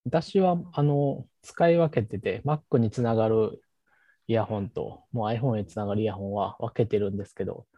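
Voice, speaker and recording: A man's voice: fairly low pitch, normal speed, dark tone, no room sound. A man co-hosting a podcast in casual tech chat, easygoing and thinking aloud. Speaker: podcast co-host. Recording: muffled, dry close mic.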